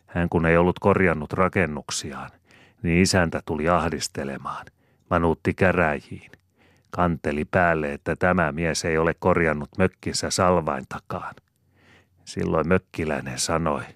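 A man reading the part of a talkative old farmhand spinning a yarn for his fellow haymakers, his voice very deep and lifted a touch for the telling. It sounds close and dry, as in a small booth, like an old storybook reading. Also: steady tone, a bit bright, no echo. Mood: storytelling.

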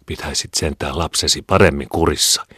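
A man's voice: rumbling low, sharp tone, slightly rough, dry recording, clean studio sound, full character voice. A man reading an audiobook voices an angry neighbour woman complaining indignantly.

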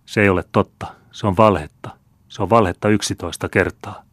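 A man's voice: low-pitched, steady tone, a bit bright, no room sound. A man voicing a hot-headed seventeen-year-old young nobleman who speaks impatiently and indignantly. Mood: enraged. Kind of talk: audiobook character reading.

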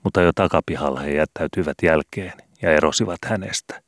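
A man reading a children's book aloud as an audiobook, in a steady, measured way. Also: rumbling low, no room sound, studio quality. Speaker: audiobook reader. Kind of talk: audiobook narration.

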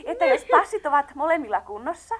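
A courteous newspaper reporter. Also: female voice, high voice, big pitch swings, crowd noise. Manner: courteous, businesslike. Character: polite formal female newspaper reporter.

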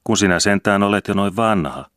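A man's voice: on the low side, fairly bright tone, dry recording, clean studio sound, pitched above the performer's own voice, lightly acted. A man voicing an anxious elderly peasant woman, the sister in a story reading, speaking eagerly and with worry. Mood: pleading.

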